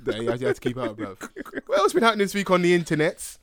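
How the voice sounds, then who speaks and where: A man's voice: sits high, huge pitch swings, racing, a bit bright, no echo. A young man with a London roadman accent, co-hosting a podcast in casual, playful, slang-heavy comic banter. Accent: London, urban roadman slang style. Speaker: podcast co-host.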